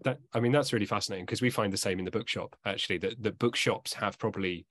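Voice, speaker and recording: A man's voice: on the low side, fast, fairly bright tone, dry recording. A man in his thirties, a bookseller hosting an author talk, asking questions hesitantly with many restarts on a video call from home. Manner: hesitant, full of restarts and fillers. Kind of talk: casual video-call interview.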